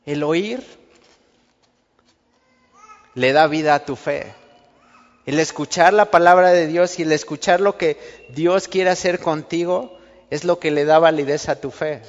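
High-voiced preacher in a hall. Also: male voice, steady tone, normal speed, highs cut off. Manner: conversational preaching with acted-out everyday dialogue. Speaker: pastor. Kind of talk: sermon.

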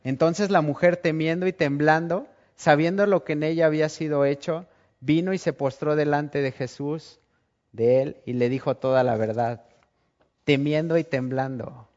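A man preaching a sermon, telling Bible stories in an animated way and acting out the scenes. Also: on the high side, moderate pace. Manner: animated storytelling, acts out scenes. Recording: dull lo-fi recording.

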